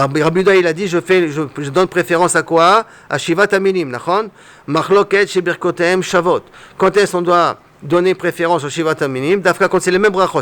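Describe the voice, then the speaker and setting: Man teaching a Talmud lesson, higher voice. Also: a bit bright. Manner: explains step by step, asks rhetorical questions, checks with "d'accord?".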